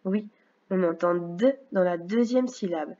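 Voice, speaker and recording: A woman's voice: lowish voice, dark tone, lo-fi sound, faint music behind. Patient woman teaching a child phonics. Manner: slow, clear, patient instruction to a young child. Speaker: first-grade teacher. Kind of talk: recorded remote phonics lesson.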